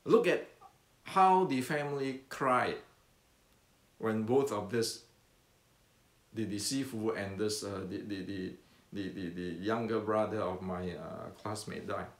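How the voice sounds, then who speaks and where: An older Indonesian man with an Indonesian accent talks earnestly to camera as a martial arts teacher, his voice on the low side with a roomy sound. The talk is unscripted, and he repeats points and stumbles through many fillers and restarts.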